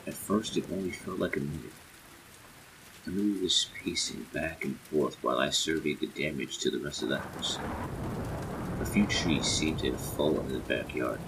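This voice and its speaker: A man narrating a horror story in a measured storytelling manner. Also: very deep voice, noisy background.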